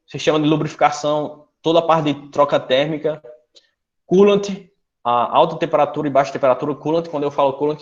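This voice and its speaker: A man with a Brazilian Portuguese accent gives a technical presentation as a guest engineer in an online forum. He explains step by step and often stops to check in with tag questions. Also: on the high side. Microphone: video call. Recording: muffled lo-fi online call audio.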